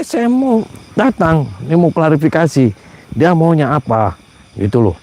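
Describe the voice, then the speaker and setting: A man's voice: medium pitch, dark tone. A man giving a comedic monologue to camera as a shaman persona, mock-indignant and rambling with exasperated asides.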